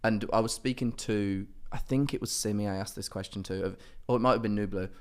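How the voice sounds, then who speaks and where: A man hosting a podcast, asking rambling, casual questions full of fillers and quick laughs. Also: on the low side, fairly even intonation, clear, resonant tone. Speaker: podcast host. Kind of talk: casual interview chat.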